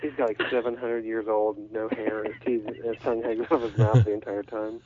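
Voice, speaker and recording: Low-key man over noisy background chatter. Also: level tone, fairly quick. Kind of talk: casual on-air chat. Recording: dull radio audio with loud background chatter.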